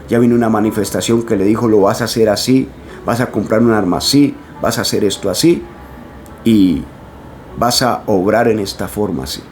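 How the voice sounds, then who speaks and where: A man's voice: on the low side, darkish tone, a little hiss or hum. A man preaching to camera, speaking earnestly and warning parents directly.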